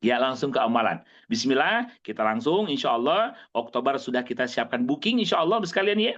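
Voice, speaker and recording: A man preaching to his audience, emphatic and repetitive, swinging between high exclamations and low, earnest stretches. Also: big pitch swings, a little fast, a bit bright. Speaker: Islamic preacher. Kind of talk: motivational religious talk to an audience. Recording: dull lo-fi recording.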